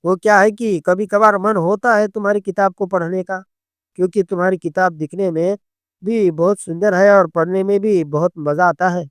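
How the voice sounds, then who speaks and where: A man's voice: sits high, steady tone, normal speed, smooth, dry recording, clean studio sound, close to an everyday voice. A man voicing a coaxing, teasing husband in a storybook tale, pleading with his wife.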